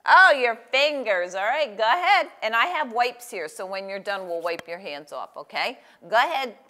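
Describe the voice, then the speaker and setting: Her voice is fairly high and sharp, animated and at normal speed, as this older woman runs a children's story time and craft. She reads aloud and guides a young child with simple, encouraging questions, seated in a small indoor room with a table and wearing a lapel mic.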